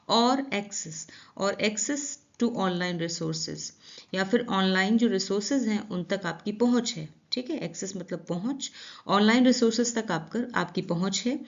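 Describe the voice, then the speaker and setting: A woman reads sentences aloud at a very slow, careful pace and explains each word in Hindi. Her voice sits at a middle pitch. The recording sounds a little dull and lo-fi. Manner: slow, deliberate reading with repeated explanations. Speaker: English teacher. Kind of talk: English vocabulary lesson explained in Hindi.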